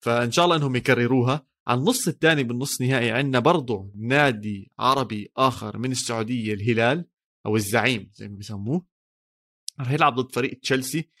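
Fast-talking Levantine Arabic man, podcast co-host. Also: medium pitch, fairly bright tone. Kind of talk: casual sports chat.

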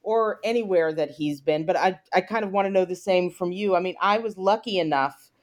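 A woman with a lowish voice speaks fairly quickly as she interviews an author. Her questions are curious and chatty, packed with "you know" fillers.

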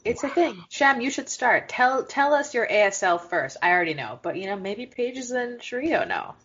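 A woman in her thirties hosting a podcast, chatting and teasing with deadpan jokes. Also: a little high, moderate pace, husky, muffled recording. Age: 30s. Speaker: podcast host. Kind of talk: casual chat.

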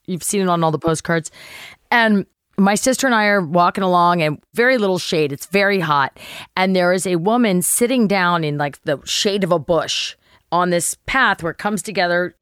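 Animated woman telling a funny story. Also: normal speed, clean tone, no room sound, studio quality. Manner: animated, jumps high when acting out others' lines. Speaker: guest. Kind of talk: casual storytelling anecdote.

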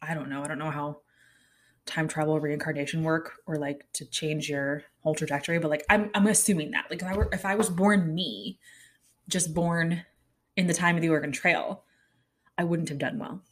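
Rambling chatty woman with a lowish voice. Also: fairly even intonation, moderate pace. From Kansas City, Kansas, USA. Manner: rambling, chatty, heavy use of "like". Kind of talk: casual comedic monologue.

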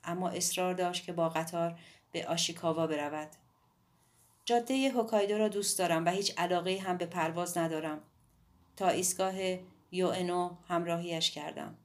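A woman reads a novel aloud as an audiobook narrator. Her delivery is calm and measured, and her voice sits a little low. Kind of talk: scripted narration.

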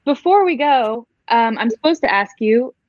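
A woman's voice: a little high, animated, normal speed, a little mellow, dry recording, dull audio. A woman with a neutral accent hosting a casual chat, easygoing and encouraging. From Oregon. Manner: easygoing, encouraging, laughs along. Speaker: interviewer.

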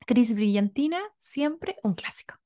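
A woman with a Chilean accent co-hosting a casual film chat, relaxed and thoughtful with everyday slang. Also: fairly high pitch, a little slow. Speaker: podcast co-host.

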